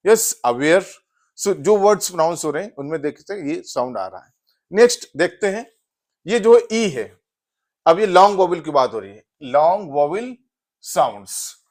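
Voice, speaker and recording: A man's voice: a little high, sing-song. A male teacher with an Indian accent explaining English vowel sounds in a mix of Hindi and English, repeating "yes" and "so" between example words. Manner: drawn-out, repetitive explanation with frequent "yes" and "so". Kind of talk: phonetics lesson mixing Hindi and English.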